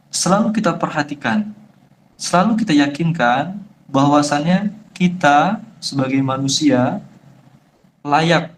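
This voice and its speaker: A young man with a Sumatran, Palembang-tinged Indonesian accent, an ustadz giving a chatty, firm Islamic lecture to friends in an online session over a phone call. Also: a little high. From Jambi, Sumatra. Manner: chatty, addresses listeners as friends, firm emphatic tone. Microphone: phone on a video call.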